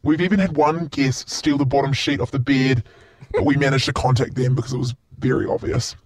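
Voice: mid-range voice, fairly even intonation, fairly quick, dry recording, clean studio sound. An anonymous hotel worker whose voice has been electronically altered to hide who they are, sounding like a man. They give a matter-of-fact recorded statement with the odd filler. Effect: voice electronically altered to disguise identity.

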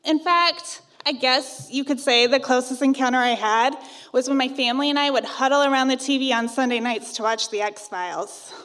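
A woman's voice: high-pitched, moderate pace, a bit bright, big-room sound. A woman in her thirties from Iowa, narrating a personal ghost story in a wry, conversational way. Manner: wry, conversational, self-teasing.

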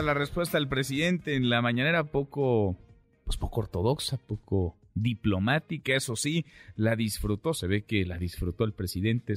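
A man's voice: medium pitch, no echo. A man with a Mexican accent hosting a radio news show, fluent and chatty with his guest. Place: radio studio.

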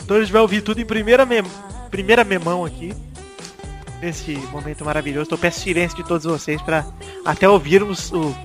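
A man's voice: sits high, fast talker. A man hosting a comedy podcast, giggly and breaking into laughter as he talks. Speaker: podcast host. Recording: music playing behind.

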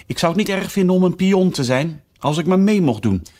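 A man voicing an eager young girl, curious, polite, lively storybook voice. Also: sits high, fairly quick, voice pushed up.

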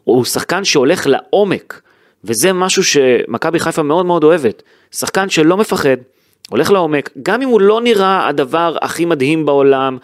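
A man's voice: fairly high pitch, expressive, no room sound, studio quality. A man hosting a sports podcast, chatting casually and animatedly about a football match, with frequent fillers and restarts. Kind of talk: casual football analysis chat.

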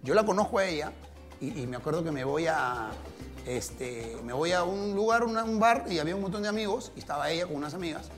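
A chatty middle-aged man with a Callao Peruvian accent spins his stories at a quick clip, laughing as he goes and slipping into the voices of the people he quotes. His voice sits a little high for a man. Loud music plays behind him. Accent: Peruvian Spanish, Callao. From Peru. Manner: laughing, animated storyteller, plays out quoted dialogue. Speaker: interview guest. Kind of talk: casual storytelling interview.

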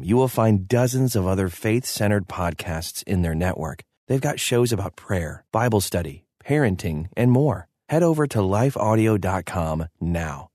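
A man's voice: low-pitched, a little mellow, dry recording, clean studio sound. A man reading a scripted podcast introduction and sponsor message as its host.

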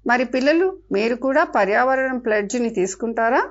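An older woman, a children's author, narrating a story for kids in a gentle, expressive way. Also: on the high side, a little fast. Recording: dull lo-fi with faint music.

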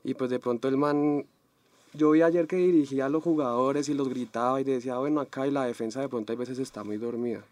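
A man's voice: medium pitch, steady tone, fairly quick, a little mellow. A man on a sports panel talking about football hesitantly, with lots of fillers and slang. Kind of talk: casual football talk.

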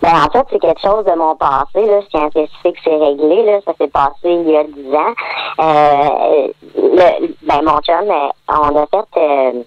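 A woman with a Québécois accent calls a radio show anonymously, her voice disguised deeper by a voice changer. She talks hesitantly, full of fillers. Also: moderate pace, dry recording. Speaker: anonymous caller. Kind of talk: radio call-in confession. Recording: tinny phone line.

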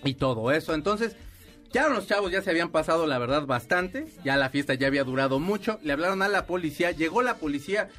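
High-voiced Mexican man hosting radio. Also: animated, quick pace, fairly bright tone, soft background music. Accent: Mexican Spanish. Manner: playful, rambling storyteller with laughs. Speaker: radio host. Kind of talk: casual radio chat.

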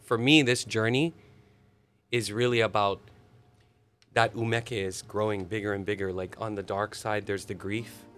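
A man, a musician telling stories in an animated, expressive way during an interview. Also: on the low side, moderate pace. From Hawaii. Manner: animated, expressive storyteller with sudden laughs. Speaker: musician guest. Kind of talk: casual storytelling interview.

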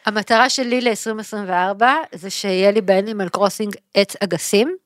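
A woman's voice: medium pitch, fairly even intonation, no room sound, clean studio sound. A woman in her thirties co-hosting a casual podcast, teasing and encouraging her partner. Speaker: podcast co-host. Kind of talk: casual chat.

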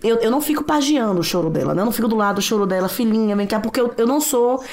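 A woman talking in a casual conversation about raising her children, earnest and animated, acting out quotes as she tells her stories. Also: fairly high pitch, rapid-fire. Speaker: mother and podcast guest.

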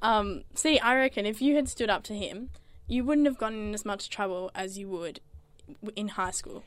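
A woman's voice: mid-range voice, moderate pace, no echo. A young woman co-hosts a casual podcast and tells school stories in a chatty voice. She laughs easily between her lines. The sound is dry and close, with no room around it. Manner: chatty storyteller who laughs often. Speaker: podcast co-host. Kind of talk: casual chat.

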